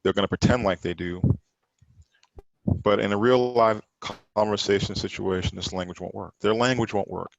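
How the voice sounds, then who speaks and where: A man's voice: lowish voice, fairly even intonation, normal speed, creaky, highs cut off. A man teaching a Sabbath study class, explaining pronunciation emphatically and repeating points to drive them home. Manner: explanatory, emphatic, repeats words while correcting others' pronunciation.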